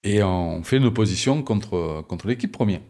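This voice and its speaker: A middle-aged man from southern France, a former rugby player, telling lively anecdotes in a casual interview and acting out other people's voices. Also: lowish voice, normal speed. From Toulon, southern France.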